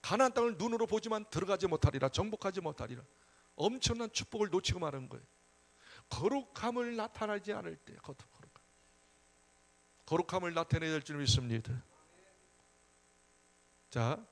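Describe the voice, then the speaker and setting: A male pastor preaching at a Friday prayer meeting, emphatic and conversational, swinging between loud urging and soft asides. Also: sits high.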